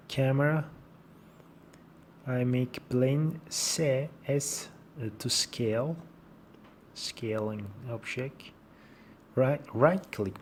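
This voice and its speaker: A man with a Turkish accent presenting an informal software tutorial in halting, short fragmented phrases of non-native English. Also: medium pitch, a little hiss or hum.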